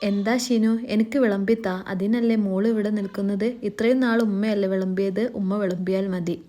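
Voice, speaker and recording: A man's voice: high-pitched, fairly even intonation, normal speed, mellow, natural voice. A woman voicing a reluctant young husband who answers curtly and refuses stubbornly, in a storytelling reading. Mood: irritated. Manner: curt, refusing.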